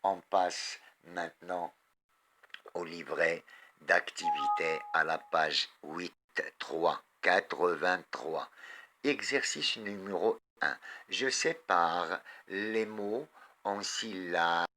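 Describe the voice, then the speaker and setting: A man with a Moroccan accent teaching a French lesson, reading words and sentences aloud slowly and quizzing his pupils. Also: sits low, pushed and bright, slight background noise. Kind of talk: slow, deliberate classroom lesson.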